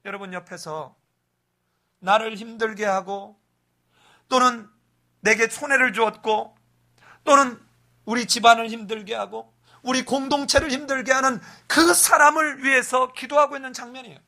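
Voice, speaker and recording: A male pastor giving an animated Sunday sermon, telling scripture stories with rhetorical questions. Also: extremely high pitch, moderate pace. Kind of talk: expository sermon.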